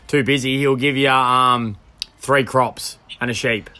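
Bright-voiced Australian man in casual banter. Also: mid-range voice, steady tone, unhurried. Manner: joking, slangy. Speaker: podcast co-host. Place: outdoors.

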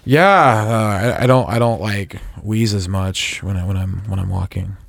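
A man's voice: fairly low pitch, moderate pace, gravelly, no room sound. A man in his mid twenties chatting casually and eagerly chiming in with jokes. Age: 20s. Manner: jokey, eager to chime in. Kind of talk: casual chat.

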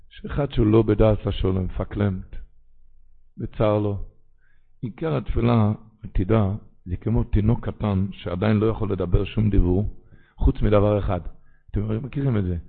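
A man who is a rabbi, giving a Torah sermon with animated preaching and sudden cries. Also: on the low side, creaky, husky, phone-quality sound.

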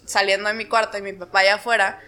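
A young woman with a northern Mexican accent from Monterrey, chatting casually as a YouTuber guest and telling things in animated, acted-out quotes. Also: medium pitch, fast talker. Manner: animated storytelling, quotes herself and others in acted asides. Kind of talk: casual chat.

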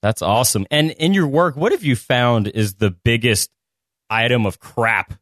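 An upbeat, joking quiz host reads out trivia questions. The voice sits at a middle pitch in a dry, close sound. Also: normal speed, a bit bright, no echo. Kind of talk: casual hosting, reading quiz questions.

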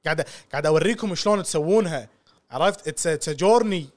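A man co-hosting a casual podcast chat, animated and slipping English phrases into his talk. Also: fairly high pitch, fast talker, no echo. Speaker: podcast co-host.

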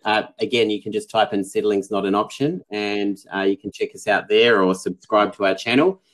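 A man's voice: on the low side, steady tone, normal speed, fairly bright tone, low-quality recording. A man, a guest on a podcast, talking casually and reflectively, with many fillers and restarts. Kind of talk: casual interview talk.

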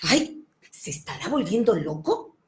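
A woman voicing a patient, doubtful schoolteacher in a children's story, speaking lower, calmly and skeptically. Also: measured pace.

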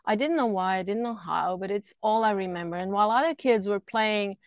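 A woman's voice: medium pitch, a little fast, dry recording, muffled recording. A middle-aged woman from Switzerland, a podcast guest who talks earnestly and flowingly about energy healing, often repeating words as she thinks. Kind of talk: casual interview talk. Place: camper van.

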